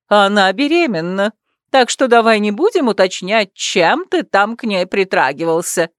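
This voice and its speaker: A woman voicing a stern, domineering werewolf clan matriarch who speaks loudly and emphatically in an audiobook. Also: mid-range voice, expressive, dry recording, studio quality, close to an everyday voice. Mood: commanding. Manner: loud, commanding, slow and emphatic.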